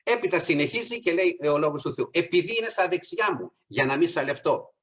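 A middle-aged man preaching a sermon, addressing the congregation as brothers and sisters, with soft asides and raised, emphatic peaks. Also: on the high side, lively intonation.

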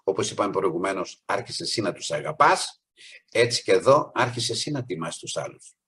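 A man's voice: low voice, lively intonation, sharp tone, husky. A man preaching a sermon, earnest, rising on key points and acting out the people in his stories.

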